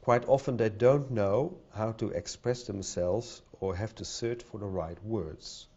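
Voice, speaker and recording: A middle-aged Dutch-accented man gives a conference talk into a podium microphone before an audience in a hall, hesitating and filling his speech with fillers and repeated words. His voice is fairly low, unhurried, a little mellow, and slightly rough. The recording sounds dull and lo-fi.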